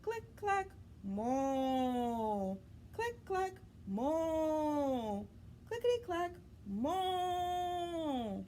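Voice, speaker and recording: A woman's voice: high-pitched, very animated, drawn-out words, dark tone, slight background noise, voice pushed up, exaggerated voice. A woman performing typing farm animals in a children's storybook, making rhythmic, singsong typewriter clacks and animal calls. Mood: playful, rhythmic. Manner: rhythmic, singsong sound effects.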